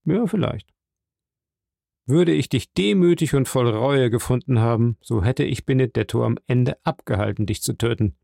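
A man voicing a stern, solemn nobleman who speaks slowly and gravely. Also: medium pitch, dark tone, dry recording, studio quality. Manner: slow, grave, measured.

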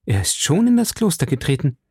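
A man voicing an excitable, trusting young woman for an audiobook, raising his voice high and breathless. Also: fairly quick, breathy edge, dry recording, clean studio sound, exaggerated voice. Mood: eager. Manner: breathless, eager, pitched high. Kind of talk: audiobook reading.

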